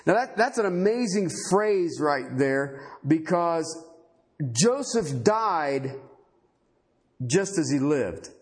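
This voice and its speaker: Male preacher, fairly high, very lively delivery; dramatizes scripture with rhetorical questions. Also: takes it slowly. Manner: animated, acts out biblical voices, asks rhetorical questions. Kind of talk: sermon.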